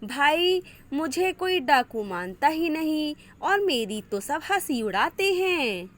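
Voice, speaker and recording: A woman voicing a weak, gentle male pirate in a children's story, whiny and plaintive. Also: sits high, very animated, slow, heavily acted.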